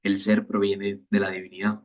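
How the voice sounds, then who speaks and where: A fairly low-voiced man leading a spiritual master class. He explains his ideas step by step, in a deliberate and measured way. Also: monotone, lo-fi sound. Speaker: spiritual teacher.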